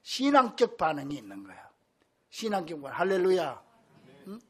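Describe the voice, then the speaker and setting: A male pastor preaching a sermon in a church, telling stories with animation and bursts of shouting. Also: sits high, huge pitch swings, moderate pace, slightly rough. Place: church sanctuary.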